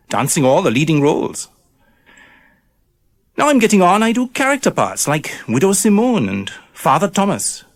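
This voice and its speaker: A man reading the part of an older male ballet master in a scripted exam monologue, measured and steady. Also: a little high.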